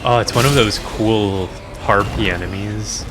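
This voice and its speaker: A man's voice: on the low side, a little slow, music in the background. A man streaming a game, chatting playfully and joking to himself as he plays. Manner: playful, jokey, talking to himself. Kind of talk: casual gameplay commentary.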